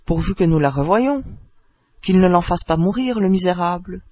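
Man doing a loud, jovial merchant. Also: high-pitched, lively intonation, normal speed, no echo. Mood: mock anxious. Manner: loud joking exclamations. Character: jovial boisterous middle-aged male wine merchant.

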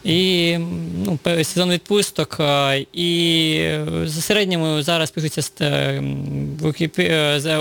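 A man speaking as a guest on a radio show, halting and restarting words as he explains. His voice has a gravelly fry, yet it stays smooth and resonant. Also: on the high side, fairly bright tone. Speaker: studio guest. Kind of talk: radio interview.

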